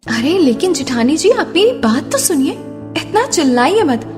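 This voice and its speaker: A woman voicing a gentle, thrifty young daughter-in-law in an animated story, polite and pleading. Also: high voice, normal speed. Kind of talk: Hindi animated moral-story acting. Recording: long reverb, background music.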